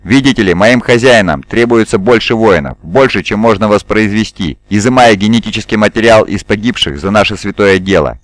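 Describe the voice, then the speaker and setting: A man voicing a calm, proud and sinister male surgeon who speaks with cold courtesy. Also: fairly low pitch, brisk, few pauses, no echo, close to an everyday voice. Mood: coldly polite. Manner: smooth, courteous, coldly pleased.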